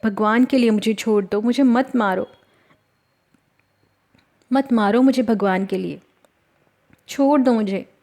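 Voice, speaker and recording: A woman's voice: takes it slowly, pauses often, mellow. A woman voicing a frightened young temple girl who pleads and cries out for her mother. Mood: pleading. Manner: begging, tearful and high.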